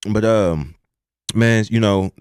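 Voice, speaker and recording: Low-voiced Texan man telling a story. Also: takes it slowly, a crowd in the background. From Texas. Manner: loose and colloquial, leaning on "you know what I'm saying" and profanity. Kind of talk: personal storytelling in casual conversation.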